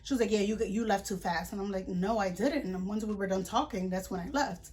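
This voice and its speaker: A woman's voice: mid-range voice, fairly quick, darkish tone. A young adult woman telling a storytime vlog in a chatty, indignant way, full of fillers and retold dialogue. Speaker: vlogger.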